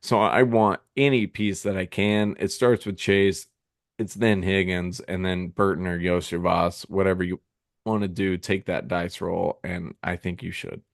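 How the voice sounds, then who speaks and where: A man with a low voice, hiccuping as he talks sports in a loose, rambling way. He chats casually, full of ums and restarts, on a dry, close microphone. It sounds like a remote podcast call. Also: level tone, unhurried, vocal fry, no echo. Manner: rambling, filler-heavy, frequent restarts. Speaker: podcast co-host. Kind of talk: casual fantasy football chat.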